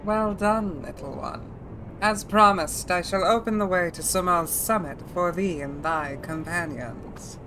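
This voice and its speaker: A woman voicing a solemn ancient female dragon in a throaty, slightly raspy older voice, speaking in stately archaic phrases. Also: lowish voice, unhurried, noisy background, close to an everyday voice. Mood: solemn warning.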